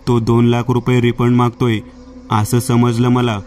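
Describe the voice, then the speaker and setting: Caring young wife, gentle and comforting, read by a male storyteller, monotone delivery. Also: mid-range voice, moderate pace, close to an everyday voice.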